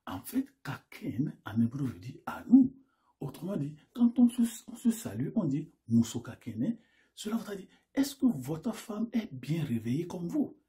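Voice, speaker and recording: Man, lively pitch, rhetorical lecturer who repeats his questions and sinks to a near-whisper. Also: measured pace. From Mali. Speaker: lecturer on names and history. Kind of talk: spoken lecture. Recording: roomy echo.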